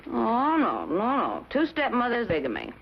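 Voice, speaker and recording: Brassy high-voiced gold-digger. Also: female voice, huge pitch swings, normal speed, creaky, exaggerated voice. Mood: bargaining. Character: brassy, combative gold-digging woman posing as a stepmother. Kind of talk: 1950s TV western acting. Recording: muffled, noisy vintage TV soundtrack.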